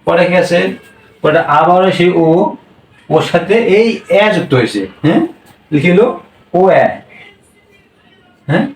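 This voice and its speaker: A man's voice: high voice, animated, measured pace, pauses often, reverberant, far from the mic, poor audio. A man teaching a language class, drilling sounds with repeated questions. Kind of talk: classroom lesson.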